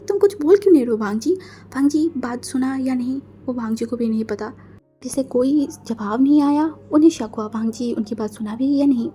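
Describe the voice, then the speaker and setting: Brief: chatty woman storyteller, high and mellow, casual narration. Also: a little hiss or hum. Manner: chatty, mixes English words. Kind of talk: casual fan-fiction narration.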